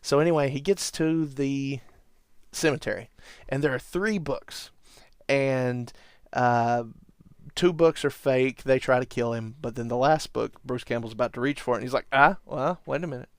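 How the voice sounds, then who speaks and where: A man with a smooth, resonant voice at an ordinary middle pitch, talking into a podcast microphone in a dry, close sound. He recaps a classic movie casually and rambles along with chuckles. He slips into animated impressions now and then. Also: moderate pace, dry recording. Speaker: podcast host.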